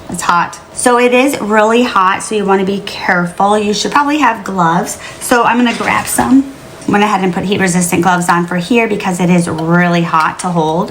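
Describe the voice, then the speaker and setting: A woman giving a casual hands-on tutorial as host, with gushing, drawn-out delight in her delivery. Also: medium pitch, a little hiss or hum, rough recording.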